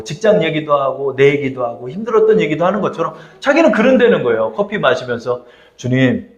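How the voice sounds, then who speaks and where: A male pastor preaching a sermon, telling a story and acting out the voices of the people in it. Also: roomy sound. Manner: acts out quoted voices, shifting pitch and loudness. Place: church sanctuary.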